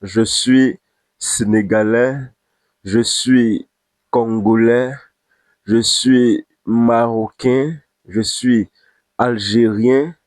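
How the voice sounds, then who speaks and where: A man's voice: medium pitch, fairly even intonation, extremely slow, long pauses, a little mellow, no echo. A man, giving an impassioned football commentary to camera and repeating phrases for emphasis. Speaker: football vlogger.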